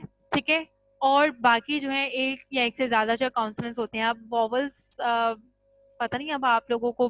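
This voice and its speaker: A woman's voice: high voice, dry recording, dull audio. A woman teaching English grammar in a patient classroom style, mixing Hindi with English terms and checking in with "ठीक है?" after each point. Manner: addresses students as children.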